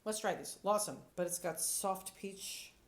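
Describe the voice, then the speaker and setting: A woman's voice: medium pitch, a little slow. A woman sommelier giving casual tasting commentary, thinking aloud with playful, descriptive asides. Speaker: sommelier reviewing wines.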